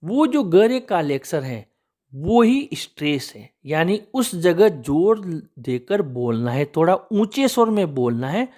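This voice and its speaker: A male English teacher giving a lesson, his pitch rising and falling in an animated way as he explains. He takes each example step by step, patient and methodical, and now and then calls out to his viewers as friends. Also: unhurried. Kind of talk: explaining spelling rules.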